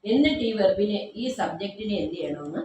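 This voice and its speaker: A fast-talking woman with a warm tone, medium pitch and lively intonation quizzes a class on grammar, firmly asking questions and repeating what students answer. The recording has a very echoey room sound and faint background noise.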